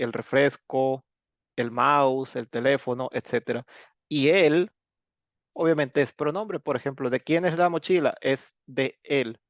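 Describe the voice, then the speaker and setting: A man's voice: medium pitch, no echo. A man with a Mexican Spanish accent teaching an online English class, chatty and explanatory with many fillers. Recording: dull, lo-fi online class audio.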